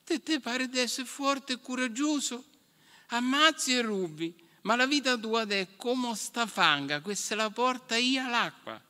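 A man's voice: measured pace, bright, forceful tone, heavily acted. A man voicing a small peasant boy who scolds a knight, in a Marche dialect from the Fabriano area. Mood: scolding. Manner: reproachful, high-pitched. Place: stage in an event hall. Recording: reverberant hall.

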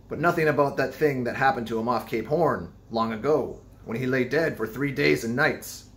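A man's voice: mid-range voice, pitched above the performer's own voice, natural voice. A man voicing a ragged, wild-eyed old sailor who talks in cryptic, insistent old seafaring dialect.

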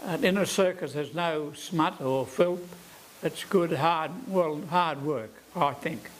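A man's voice: fairly high pitch, takes it slowly, slight background noise, poor audio. A man, a circus veteran giving plain-spoken interview answers and often repeating himself. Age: 90s. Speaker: circus performer.

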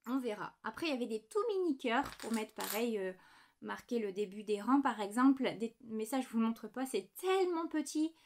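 A woman in her thirties with a slightly high voice chats casually from her home desk. She shows off small knitting items, often apologizing and pausing over the little details. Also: expressive. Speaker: knitting podcast host. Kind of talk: casual show-and-tell chat.

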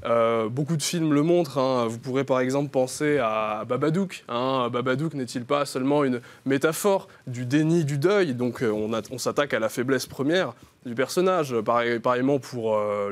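A young man, a columnist on a web talk show, giving a playful mock sales pitch with many fillers.

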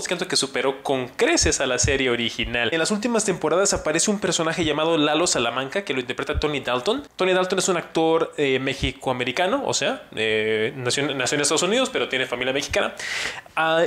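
A man's voice: on the high side, fairly bright tone, roomy sound. A man hosting his own channel, giving a chatty, enthusiastic language lesson with frequent restarts. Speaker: language teacher and channel host. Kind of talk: casual educational commentary.

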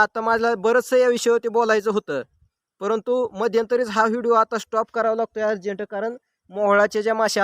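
A man with a notably high voice tells a devotional story in an earnest, preaching manner. He speaks outdoors in the sun. The sound is dry and close, with no room echo. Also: clear, resonant tone.

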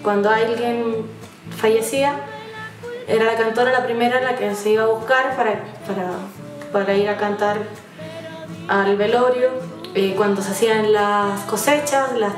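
A woman's voice: on the high side, fairly even intonation. Chilean woman in her twenties, roomy. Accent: Chilean Spanish. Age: 20s. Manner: soft-spoken, reflective, with frequent "eh" pauses. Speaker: folk singer. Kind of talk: documentary interview. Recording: roomy sound from some distance, faint music under it.

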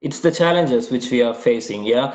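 A man's voice: mid-range voice, animated, fast, darkish tone. A young man with a South Indian accent, a native Tamil speaker, explaining informally and a little hesitantly as a webinar guest speaker. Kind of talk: webinar presentation and Q&A. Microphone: online call microphone. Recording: roomy, dull video-call audio.

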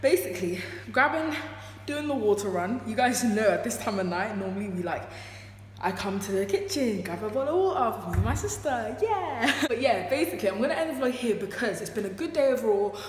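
A woman's voice: a little high, fairly quick. Chatty teenage girl vlogging. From United Kingdom. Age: teens. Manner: chatty, excitable, giggly. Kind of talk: casual travel vlog chat. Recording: loud background noise.

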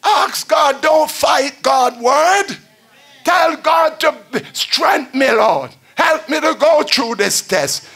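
An older man preaching at a church pulpit, chanting and shouting in a sing-song call-and-response style. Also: very high-pitched, expressive, slow, gravelly. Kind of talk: chanted Pentecostal sermon. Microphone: pulpit stand mic.

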